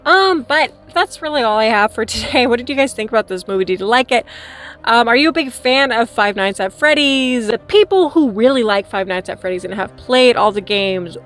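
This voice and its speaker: Giggly, tipsy high-voiced woman chatting. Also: lively intonation, a little fast, a bit bright, faint music behind. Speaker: movie reviewer hosting a vlog. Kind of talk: casual chatty review to camera.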